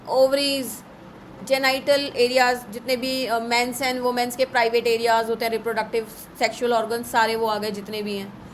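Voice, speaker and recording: In a live online session, a high-voiced woman teaches an astrology class, running through lists in a brisk, slightly scolding way. The audio is poor, with slight background noise.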